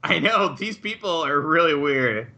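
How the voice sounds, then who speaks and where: A man's voice: fairly high pitch, expressive, measured pace, sharp tone. A man chatting casually as a player in a tabletop game.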